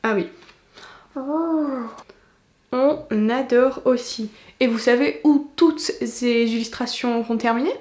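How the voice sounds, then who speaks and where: High-voiced enthusiastic young woman. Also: slow, a little mellow, roomy sound. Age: 20s. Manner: chatty and enthusiastic, many exclamations. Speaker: booktuber. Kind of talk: casual unboxing chat.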